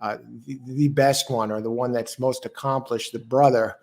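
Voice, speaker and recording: A man's voice: medium pitch, fairly even intonation, normal speed, darkish tone. A man hosting a casual live horse racing show, chatting through picks and greeting listeners. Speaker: host.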